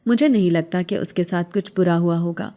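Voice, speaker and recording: A woman playing a calm, secretive veiled woman. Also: fairly low pitch, lightly acted. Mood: soothing. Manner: soothing, reassuring.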